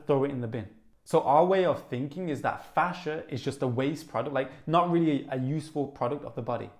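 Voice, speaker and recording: A young man with a Birmingham accent, talking fast and eagerly to camera as a wellness vlogger, with lots of "like" fillers. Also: medium pitch. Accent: Birmingham (Brummie). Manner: fast, excited, animated, with many "like" fillers. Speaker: wellness YouTuber. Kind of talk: casual vlog talk to camera.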